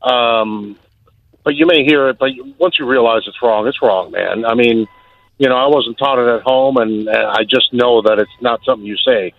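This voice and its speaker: A man's voice: mid-range voice, normal speed. A man from Miami calling a radio show, talking casually and rambling with lots of fillers. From Miami, United States. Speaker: caller. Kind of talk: phone-in comment. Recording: tinny phone line.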